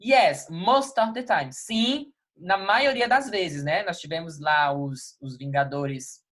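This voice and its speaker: Brazilian male teacher, patient explainer, repeats and checks in often, reads examples slowly. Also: fairly high pitch, a bit bright. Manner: patient, repeats key words and checks in with "ok? tá? beleza?"; reads English example sentences slowly, then translates them. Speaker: English teacher. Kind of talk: recorded classroom lesson.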